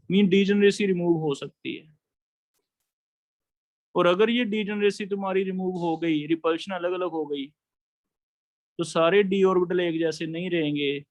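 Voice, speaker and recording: High-voiced male chemistry teacher. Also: no room sound. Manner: explains step by step, asks students questions. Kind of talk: classroom lecture.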